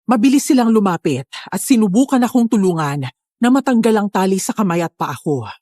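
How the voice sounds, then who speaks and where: A woman narrating a first-person horror story in a steady, somber way. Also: medium pitch, a little fast, dry recording, clean studio sound.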